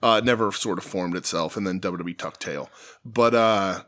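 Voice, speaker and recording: A man's voice: low voice, moderate pace, fairly bright tone. A man co-hosting a wrestling podcast in a loose, rambling chat full of restarts and the odd curse. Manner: rambling, many restarts and swearing. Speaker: podcast co-host. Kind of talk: casual chat.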